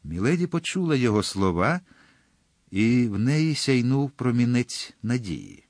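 A man narrating a novel aloud at a middling pitch, steady and expressive. The recording is close and dry, with no room echo. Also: normal speed. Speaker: reader.

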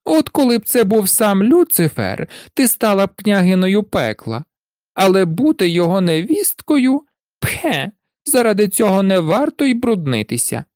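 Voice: mid-range voice, very animated, moderate pace, a little mellow, no echo, clean studio sound, pitched above the performer's own voice, natural voice. A narrator voicing the haughty, scornful elder princess sisters of a storybook tale, mocking and disdainful. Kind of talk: storybook reading.

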